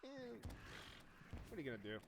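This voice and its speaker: A young man casually commenting on his own gameplay, rambling and joking, getting excited at big moments. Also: brisk, very noisy. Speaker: gaming YouTuber.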